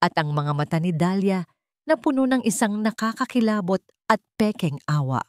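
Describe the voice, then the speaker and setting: With lively intonation at a moderate pace, a woman with a Filipino accent tells a scripted love story solemnly, emotionally and dramatically. Her medium-pitched voice has a slightly mellow quality, recorded cleanly in a studio with no echo.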